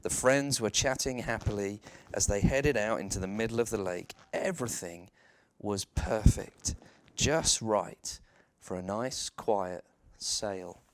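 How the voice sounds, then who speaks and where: A reverend with a fairly low-pitched voice tells a children's bedtime story, measured and dramatic, with deliberate pauses.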